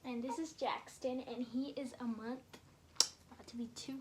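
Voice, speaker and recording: A woman's voice: sits high, steady tone, normal speed, background noise. A young woman, a new mother, chatting casually and a little emotionally in a vlog while eating. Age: young adult. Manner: chatty, giggly, a bit emotional. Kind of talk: casual chat over a mukbang.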